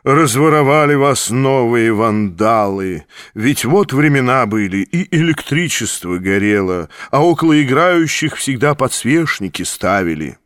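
A man's voice: medium pitch, expressive, measured pace, a bit bright, no echo. Guy doing a dramatic old stage actor, drawn out and wistful, dry sound. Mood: theatrical wistful. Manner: theatrical, lingering. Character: former imperial theatre actor, older man, lyrical and dramatic.

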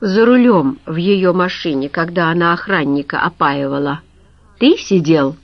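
A woman's voice: lowish voice, normal speed, dry recording, natural voice. Woman doing a cold, sarcastic businessman. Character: bitter, contemptuous middle-aged businessman. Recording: dull lo-fi recording.

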